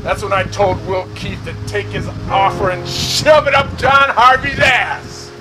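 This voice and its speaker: An actor playing a bitter, war-haunted old sea captain with a melodramatic, halting delivery in a noir parody. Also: male voice, sits high, noisy background. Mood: gruff, suspicious. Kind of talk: scripted film noir parody.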